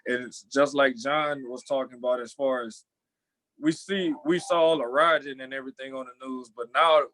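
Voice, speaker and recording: A man's voice: mid-range voice, steady tone, normal speed, fairly bright tone, slight background noise, rough recording. A young man, a former college athlete, talking thoughtfully in a panel discussion, often restarting his sentences.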